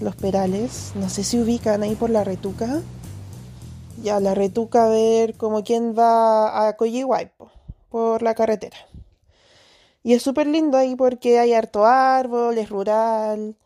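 A woman with a Chilean accent casually telling a story to her followers, slangy and lively, acting out sounds and quoting herself. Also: a little high.

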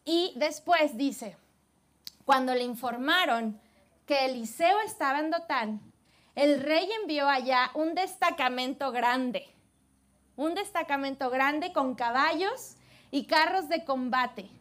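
A woman preacher retelling a Bible story in a lively, animated way, laughing often as she talks to her church. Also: high voice, slow pace. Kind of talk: sermon storytelling.

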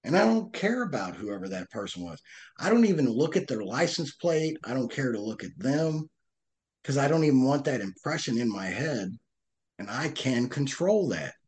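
A man talking casually as a podcast guest, telling stories with lively acted-out asides and frequent restarts. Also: mid-range voice, moderate pace. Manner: animated storytelling, acts out angry drivers in raised voice; loose, repeats and restarts words. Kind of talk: casual conversational interview.

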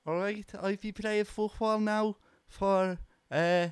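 A man putting on the voice of a young male footballer on loan, talking in a halting, stumbling way. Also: high-pitched, steady tone, clean tone, no room sound, studio quality. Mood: sheepish.

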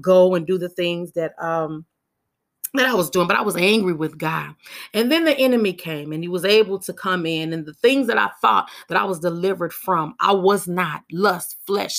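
A woman sharing a personal faith testimony with a gravelly edge in her voice. Her pitch sits in the middle range, and she talks earnestly and repeats herself for emphasis. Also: a bit bright. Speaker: speaker giving testimony.

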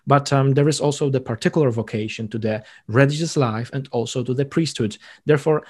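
A man interviewing a priest guest, speaking in a slow, earnest way with frequent fillers. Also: medium pitch, breathy edge. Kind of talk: conversational interview. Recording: faint music in background.

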